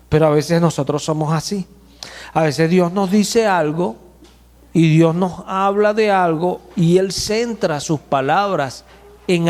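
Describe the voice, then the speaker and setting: A man preaching a sermon as pastor, emphatic and slowing to stress key words, in a church. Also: fairly high pitch, a little mellow. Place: church hall. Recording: long church hall reverb.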